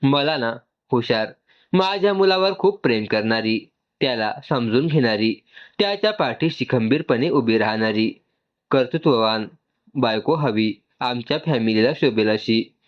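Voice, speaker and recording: A man voicing a warm, teasing middle-aged mother in a read-aloud story. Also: medium pitch, lively intonation, unhurried, highs cut off, lightly acted. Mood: affectionate. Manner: affectionate, teasing.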